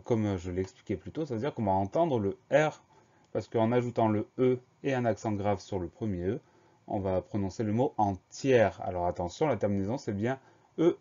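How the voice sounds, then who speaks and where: A man teaching a French spelling lesson, slowly spelling each word letter by letter and explaining the grammar. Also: fairly low pitch, warm tone, lo-fi sound. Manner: slow, methodical, spells words letter by letter.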